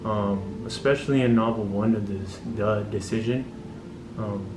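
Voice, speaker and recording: A man's voice: on the low side, fairly even intonation, measured pace, distant mic, noisy background. A young man from California's Central Valley, a community college student, giving a hesitant, unscripted testimonial with frequent ums. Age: young adult. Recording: roomy, off-mic, music underneath.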